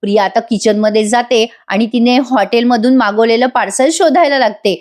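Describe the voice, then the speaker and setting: A woman's voice: fairly high pitch, normal speed, a little mellow. A woman narrating a voice-over recap of a TV serial, chatty and addressing viewers directly. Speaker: TV serial reviewer.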